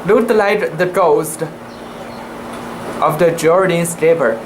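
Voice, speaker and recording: An amateur reader who makes videos gives a dramatic reading of a classic sea story in a medium-pitched voice. The delivery is halting and deliberate with occasional stumbles, in a noisy room with a steady background hum.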